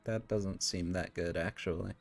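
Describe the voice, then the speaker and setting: A man's voice: deep voice, steady tone, moderate pace, vocal fry. A man giving casual, muttered running commentary while streaming a game.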